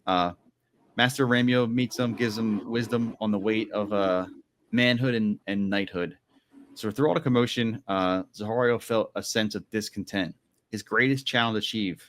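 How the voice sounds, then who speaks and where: A man's voice: on the low side, fairly bright tone, slight background noise. A man co-hosting a podcast, recapping a book in rambling casual chat full of "like" and "you know". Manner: rambling, many "like"s and "you know"s, quick acted quotes. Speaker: podcast co-host.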